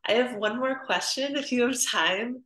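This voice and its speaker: A woman's voice: fairly high pitch, moderate pace, fairly bright tone. A woman from Illinois asking a speaker questions, talking politely and hesitantly with many fillers. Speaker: audience member asking questions. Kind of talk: casual conversation. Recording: roomy echo.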